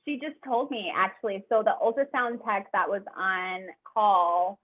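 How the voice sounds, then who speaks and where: A young woman, a guest on the show, telling her personal story in an animated way, full of "like" and retold conversations. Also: mid-range voice, a little slow. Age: young adult. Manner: animated, heavy use of "like", quotes others. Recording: tinny phone-like call audio.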